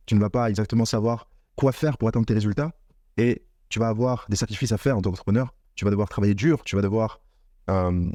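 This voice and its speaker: Fast-talking man coaching business mindset. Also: fairly low pitch, warm tone, no room sound, studio quality. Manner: earnest, repetitive, addresses viewer as tu. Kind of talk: direct-to-camera motivational talk.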